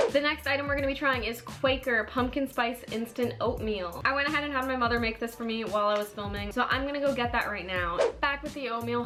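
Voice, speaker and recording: A young woman vlogging a casual taste test, chatty and candid, with lots of "like" as filler. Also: on the high side. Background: soft background music.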